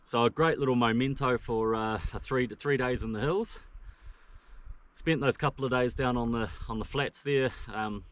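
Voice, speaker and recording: A man's voice: mid-range voice, normal speed, fairly bright tone. A man with a broad New Zealand accent, chatting casually and slangily outdoors as a hunter making a vlog. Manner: laid-back, slangy, mild swearing. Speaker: hunter filming own trip. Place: outdoors on open mountain tops.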